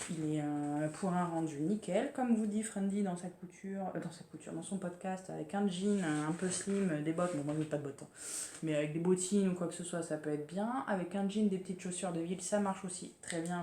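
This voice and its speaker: A French sewing vlogger chats casually about her projects on a podcast, hesitant and full of fillers and restarts. Her lowish voice is mellow. The room is echoey with faint ambience, and there's slight background noise.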